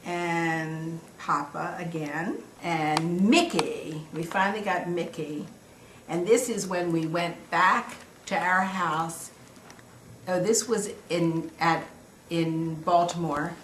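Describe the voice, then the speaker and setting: A sweet older woman talks affectionately, like a grandmother going through family snapshots. Her pace is very slow and her pitch a little low. The room is echoey, with clear noise behind her. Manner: sweet, affectionate old-lady way of talking. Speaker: grandmother narrating family photos. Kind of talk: casual reminiscing over photos.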